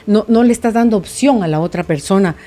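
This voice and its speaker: A woman's voice: mid-range voice, brisk, dark tone. A woman hosting a radio talk show, chatty and informal, moving between guest talk and listener messages. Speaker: radio podcast host. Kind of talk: casual on-air interview hosting.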